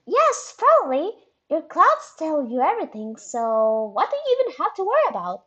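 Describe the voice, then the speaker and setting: A woman doing a giddy young sea troll girl with a high, squeaky voice that bounces all over the place. She sounds cheerful and bubbly, like a chirpy cartoon sidekick. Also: wildly swooping pitch, normal speed, sharp tone, exaggerated voice. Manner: squeaky and giddy, says glub.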